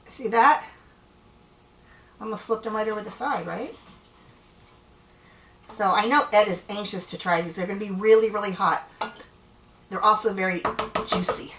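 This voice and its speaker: A woman's voice: mid-range voice, moderate pace, pauses often, a bit bright, slight background noise. A woman hosting a cooking show, chatting casually and playfully while she cooks. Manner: chatty, friendly, playful with her partner. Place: home kitchen. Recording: echoey room, mic at a distance.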